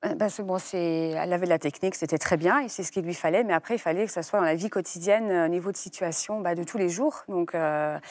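Middle-aged mom, lower voice, calm explainer, lots of euh, dry sound. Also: female voice, quick pace, hardly any pauses, no echo. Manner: calm, explaining with many fillers. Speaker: guest, mother. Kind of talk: interview answers.

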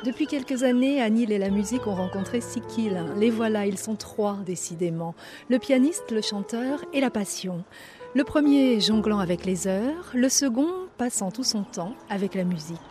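A woman reporter reading a scripted documentary narration in a measured, lyrical way. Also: mid-range voice, music in the background.

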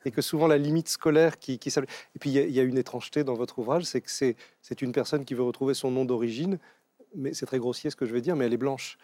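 A man author musing aloud on a TV talk show in halting phrases. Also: medium pitch, warm tone, dry recording. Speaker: author guest. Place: TV studio.

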